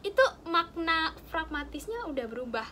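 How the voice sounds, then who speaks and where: Young woman, high voice, chatty tip-sharer, noisy background with clicks. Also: expressive, normal speed, sharp tone. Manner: chatty, explains with many fillers and examples. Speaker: student sharing study tips. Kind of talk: casual explaining chat.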